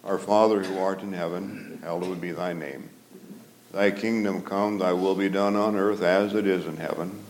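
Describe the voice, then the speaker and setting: A man, a pastor, leading a formal liturgy in a solemn, measured recitation, heard with a cathedral echo. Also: sits low, steady tone. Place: large church. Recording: echoey church with loud organ music.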